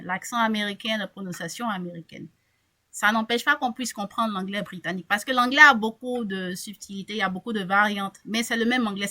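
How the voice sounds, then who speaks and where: A woman coaching a group on a video call, lively and encouraging, often repeating words as she thinks. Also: medium pitch. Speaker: English coach. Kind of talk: online group coaching session.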